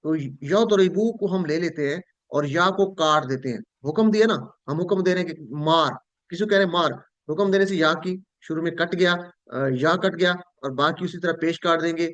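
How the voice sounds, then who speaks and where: A man's voice: on the high side, normal speed, fairly bright tone, highs cut off. A man teaching Arabic verb forms in an online class, drilling students in call-and-repeat, with a Pakistani Urdu accent.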